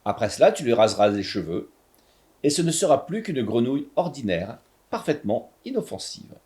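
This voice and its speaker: A wise shopkeeper from a storybook explains things slowly in a low, patient voice, as a male reader plays him. His pitch stays lively and varied. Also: lightly acted. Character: calm, wise grown man, a shopkeeper. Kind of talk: storybook reading.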